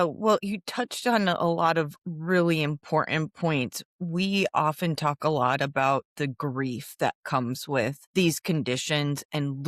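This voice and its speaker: Slow-spoken woman podcast host. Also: deep voice, dry recording, studio quality. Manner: warm, empathetic, unhurried. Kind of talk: podcast interview.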